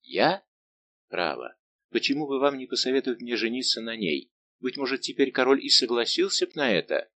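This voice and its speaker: A man's voice: medium pitch, sing-song, fairly quick, bright, forceful tone. A male reader voicing a heartbroken young nobleman who speaks in a bitter, restrained, formal way, in an audiobook.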